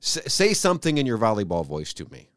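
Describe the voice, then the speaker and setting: A man's voice: fairly low pitch, huge pitch swings, fast talker, no room sound, clean studio sound. A man hosting a local radio interview, chatty and loose, restarting his sentences as he talks. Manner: friendly, loose and chatty with repeated starts. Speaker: radio host.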